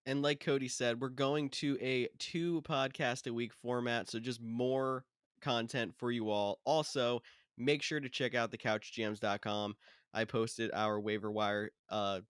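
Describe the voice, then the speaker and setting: A man's voice: medium pitch, fairly even intonation, a little slow, a bit bright, smooth, dry recording, studio quality. A man co-hosting a casual fantasy football podcast, giving matter-of-fact player advice. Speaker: podcast co-host.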